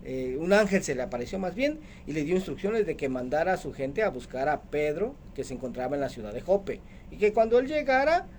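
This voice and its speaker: A man's voice: fairly high pitch, very animated, brisk, few pauses, darkish tone, slight background noise. A man preaching a radio sermon as the program's host, emphatic, asking rhetorical questions and calling listeners brother.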